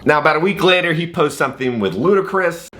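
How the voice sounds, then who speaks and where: A man's voice: a little high, lively intonation, fast talker, noisy background. A man hosting his own vlog in a casual, playful and sarcastic way. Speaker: vlogger and host. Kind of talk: casual chatty commentary.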